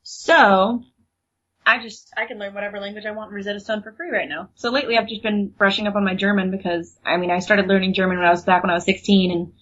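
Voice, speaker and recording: A woman's voice: medium pitch, little pitch movement, fast talker, fairly bright tone. A young woman co-hosting a podcast in casual chat, talking freely with lots of fillers and laughs. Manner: chatty, laughs often, many fillers. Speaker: podcast co-host. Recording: muffled lo-fi recording.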